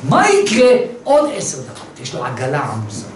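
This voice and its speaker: High-voiced man teaching in an echoey room. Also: crowd noise. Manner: animated storyteller, rhetorical questions. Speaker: religious teacher. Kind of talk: Torah lesson with a told parable. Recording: very echoey room, distant mic, faint noise.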